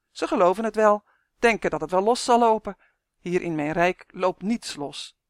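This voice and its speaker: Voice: mid-range voice, no room sound, studio quality, close to an everyday voice. A reader of a children's storybook voicing a smug, pedantic male monster who sticks to the rules. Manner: fussy, bureaucratic, self-satisfied.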